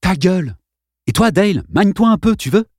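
A man voicing a cool-headed teenage boy who gives orders in a calm, dry, mocking tone. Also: high-pitched, a little fast, no room sound, voice pushed up. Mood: commanding. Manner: calm, dry, quietly commanding.

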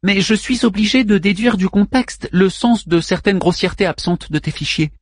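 Man playing a wry little male robot, squeaky high voice, no room sound at all. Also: normal speed, no echo. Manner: dry, precise, jokey. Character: small male robot explorer, quick and wry.

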